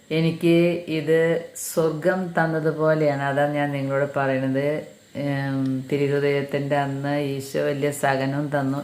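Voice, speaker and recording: A woman's voice: extremely low pitch, a little mellow. A middle-aged woman, a catechism teacher, giving an earnest personal religious testimony and calling listeners dear brothers and sisters. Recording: echoey room.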